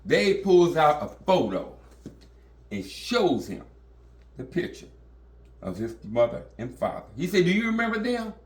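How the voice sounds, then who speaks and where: A man's voice: medium pitch, a little slow, long pauses, roomy sound, a little hiss or hum. A man telling a dramatic story casually and with vivid energy. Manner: animated, vivid retelling.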